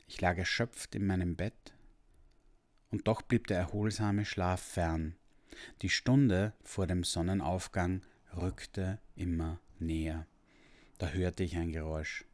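A man calmly reading a story aloud in the first person, measured and steady. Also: sits low. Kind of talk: scripted narration of a children's story.

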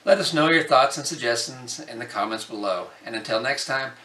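A middle-aged man hosting a farm channel, reading a scripted explainer to the camera in a steady delivery. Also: medium pitch, a little fast. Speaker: host. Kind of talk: scripted informational narration. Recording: echoey, distant from the mic.

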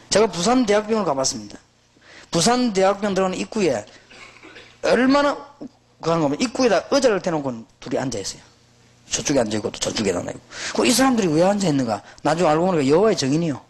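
Husky, lively-pitched man preaching. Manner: emphatic, exhorting, animated storytelling. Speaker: pastor. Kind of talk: sermon.

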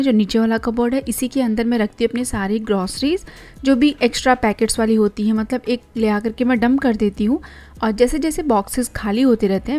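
A young Indian woman with a slightly high, mellow voice narrates her home cleaning vlog. She is a chatty home vlogger who explains household tips step by step.

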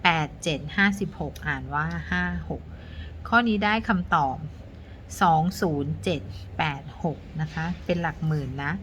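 A woman's voice: deep voice, moderate pace, a bit bright, a little hiss or hum. A woman teacher patiently walking young students through a math lesson step by step, counting aloud with polite particles.

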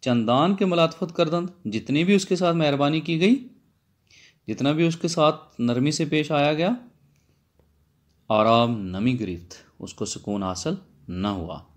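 The Persian lecturer here has a fairly high voice and a measured pace. He works through a Persian text phrase by phrase in a line-by-line lesson, re-explaining every piece in plain words.

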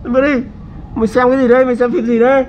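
A man in a slapstick comedy skit, shouting and groaning in an exaggerated way outdoors. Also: very high-pitched, little pitch movement, very fast, slight background noise. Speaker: prankster friend in comedy skit.

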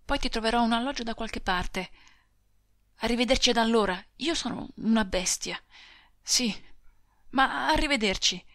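Woman reading a bossy young soldier guy, snappy n hurried, storybook. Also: on the high side, fairly bright tone, dry recording, studio quality. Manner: curt, commanding, hurried. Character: brusque young male soldier-husband, secretive.

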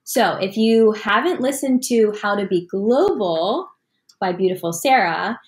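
A young woman hosts a relaxed podcast chat in a home living room. She is bubbly and quick to laugh, heaping praise on her guest in an easy conversational tone at an ordinary pitch. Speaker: podcast host. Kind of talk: casual video podcast conversation.

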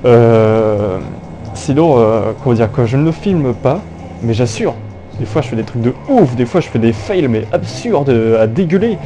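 A man's voice: medium pitch, animated, unhurried, mellow, soft background music. A young man giving casual, jokey gameplay commentary through an old phone headset, rambling with many fillers and restarts. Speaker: gaming YouTuber.

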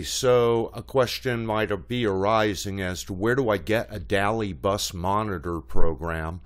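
Deep-voiced guy doing a slow screen tutorial voice-over, kinda hesitant, lots of uhs. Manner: plainspoken, hesitant with frequent uh fillers. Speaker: channel host. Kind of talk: screen-recorded tutorial narration.

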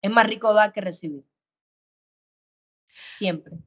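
A woman, an actress being interviewed, speaking loudly and emphatically as if arguing. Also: mid-range voice, takes it slowly, lo-fi sound. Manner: loud, emphatic and expressive, talks like she is arguing. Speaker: actress and guest. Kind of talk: animated interview answers.

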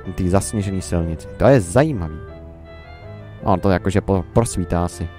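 A man's voice: deep voice, mellow, faint music behind. A young Czech man rambling and musing to himself in casual gameplay commentary. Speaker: let's play commentator.

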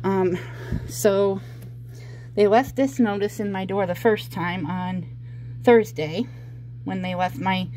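A woman telling a personal story in a casual vlog, halting and explanatory, with an aggrieved manner. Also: mid-range voice, dark tone. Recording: clear background noise, handheld home recording.

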